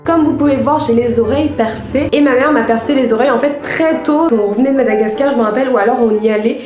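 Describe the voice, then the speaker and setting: High-voiced young woman in an echoey room. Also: fast, music in the background. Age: young adult. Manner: informal, slangy speech with swearing and English slang. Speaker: video creator and host. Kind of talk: casual chatty anecdote vlog. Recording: roomy, echoing sound.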